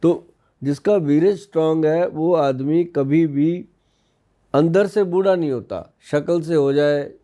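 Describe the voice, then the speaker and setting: Dark-voiced Indian man telling folksy anecdotes. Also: on the high side, measured pace. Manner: folksy, storytelling, explains with anecdotes. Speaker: Ayurvedic expert guest. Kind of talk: casual podcast interview.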